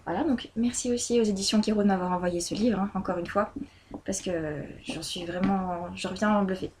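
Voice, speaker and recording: A woman's voice: mid-range voice, fairly even intonation, fairly quick, a little mellow, a little hiss or hum. Chatty woman reviewing books. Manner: chatty, hesitant, many fillers and restarts. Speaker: book blogger. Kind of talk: casual monthly reading review.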